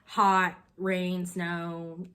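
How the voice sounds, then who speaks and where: A woman's voice: fairly low pitch, completely flat delivery, drawn-out words, a bit bright, clean tone. Sniffly woman chatting about stitching. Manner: rambling, restarts often. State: sniffly, stuffed up. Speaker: co-host showing cross-stitch projects. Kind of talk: casual chat.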